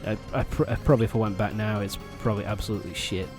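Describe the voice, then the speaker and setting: A man's voice: fairly low pitch, fairly even intonation, rapid-fire. A young man giving casual, rambling, sweary gameplay commentary while recovering from a cold. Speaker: let's play host. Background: loud game music.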